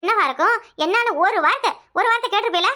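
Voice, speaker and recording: A woman voicing a fiery, quarrelsome young wife in a cartoon, scolding quickly and repeating her lines. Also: very high voice, pushed and bright. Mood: angry, scolding. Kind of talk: cartoon voice acting.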